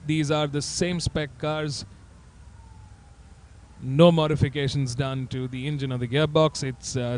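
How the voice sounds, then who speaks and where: A man with an Indian accent giving live motorsport commentary in a punchy announcer delivery, with frequent hesitations. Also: mid-range voice. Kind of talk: live race broadcast commentary.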